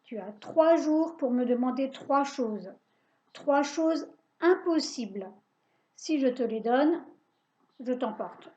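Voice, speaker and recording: A woman voicing a sour, mean little old witch with a pointed, shrill voice and a mocking, sneering manner, in a dull lo-fi recording. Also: expressive, slow pace, dark tone. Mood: scheming.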